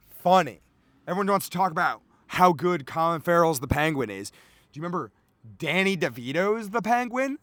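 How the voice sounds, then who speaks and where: A man with a high, lively voice rambles through a comic podcast monologue. He is excitable and profane, and he keeps drifting off on sidetracks. The recording is close and dry. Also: no echo. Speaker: comedian podcast host.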